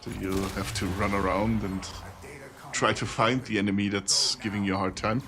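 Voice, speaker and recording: A young man streaming a game, rambling casually with lots of pauses and fillers. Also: on the low side, level tone. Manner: rambling, soft-spoken, with many pauses and fillers. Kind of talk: casual streaming chat while gaming.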